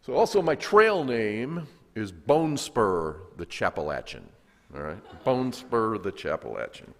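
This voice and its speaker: A man with a Southern American accent delivers a sermon in a church sanctuary, his low voice rising and falling in animated swings. He talks in a folksy way, joking and trading call-and-response lines with the congregation. A long reverb trails his words through the hall. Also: measured pace. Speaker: guest pastor.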